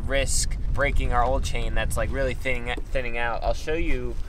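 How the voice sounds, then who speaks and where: A man's voice: medium pitch, normal speed. Young man chatting casually on a sailboat. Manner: relaxed, explanatory, loose fillers. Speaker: sailing vlogger. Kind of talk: casual explaining to camera. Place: aboard a sailboat at anchor, on deck and in cabin. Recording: outdoor boat and water noise.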